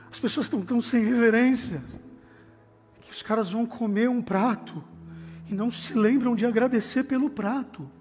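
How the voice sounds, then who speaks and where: A high-pitched man delivers an impassioned sermon as a pastor, dropping to quiet earnest talk and rising to shouts. His voice carries a long hall reverb, with faint music underneath. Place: large church hall.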